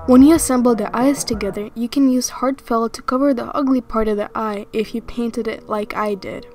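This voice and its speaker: A woman's voice: a little high, fairly even intonation, moderate pace, darkish tone. A woman giving frank, self-deprecating craft tips while speaking from inside a mask. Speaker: fursuit maker. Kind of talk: casual tutorial voice-over.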